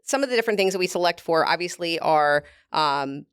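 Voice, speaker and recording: A woman's voice: on the low side, animated, a little fast, fairly bright tone, smooth, no room sound, studio quality. A woman guest from a beef producer, explaining things at length in a casual interview and laughing easily.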